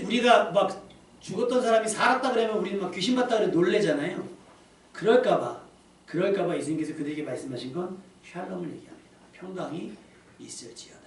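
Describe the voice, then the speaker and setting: A man preaching a sermon as pastor in a church, conversational, asking the congregation rhetorical questions. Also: on the high side. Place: church sanctuary. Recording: echoey church hall from a distance, faint room noise.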